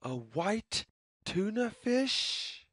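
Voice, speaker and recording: Reading a picture book to young children, this woman goes very slowly and deliberately, placing each phrase word by word. Her mid-pitched, slightly husky voice has a sing-song rise and fall with big pitch swings. The sound is clean studio audio with no room sound.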